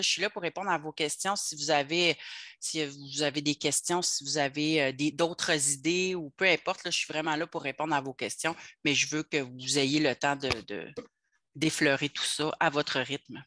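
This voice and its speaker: A workshop leader with a Québécois French accent talks through an online session in a chatty, step-by-step way. The voice is bright and forceful, at a middle pitch. The video-call audio is very dry, with no room sound. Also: normal speed, dry recording.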